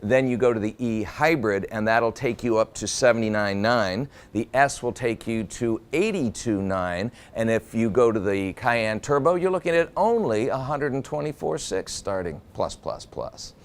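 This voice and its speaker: A man walking around a car and talking it up. His voice sits at an ordinary middle pitch, and he has a bright, joking, salesman-like way of pitching the features. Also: normal speed, few pauses. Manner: jokey, upbeat salesman-like delivery. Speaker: car reviewer. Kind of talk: car review walkaround.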